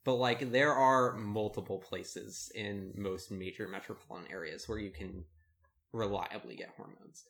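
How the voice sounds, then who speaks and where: A man co-hosting a podcast, giving advice in relaxed casual chat with many fillers and restarts. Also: on the low side, measured pace, vocal fry. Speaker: podcast co-host.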